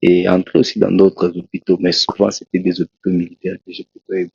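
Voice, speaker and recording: Deep gravelly preacher telling his testimony. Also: level tone, warm tone, dry recording. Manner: slow, halting storytelling with many restarts. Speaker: preacher, guest. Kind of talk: testimony in a talk show interview. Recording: dull, lo-fi dry sound.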